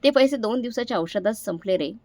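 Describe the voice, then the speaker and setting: A woman voicing a poor, elderly mother who pleads gently and softly in a story. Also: a little high, animated, brisk, dry recording, voice pushed up, natural voice. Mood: pleading. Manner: soft, pleading.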